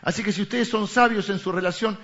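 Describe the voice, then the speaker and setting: Male pastor, Rioplatense accent, conversational sermon with rhetorical questions, pitch on the higher side. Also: fairly even intonation, fast, a bit bright. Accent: Rioplatense Spanish. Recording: dull lo-fi recording.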